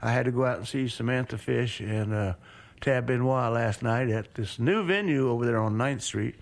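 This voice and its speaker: A man's voice: medium pitch, moderate pace. A hungover man with the sniffles hosting a radio show, chatting in a loose, rambling, offhand way. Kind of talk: casual rambling radio chat.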